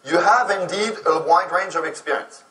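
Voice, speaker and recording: A man's voice: high-pitched, moderate pace, bright, forceful tone, recorded from a distance. A man from France, a native French speaker, giving a lecture and often checking in with "okay?". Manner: explanatory, keeps asking "okay?". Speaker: speaker on immigrant employment. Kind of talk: lecture to an audience. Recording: echoey room, voice from off mic.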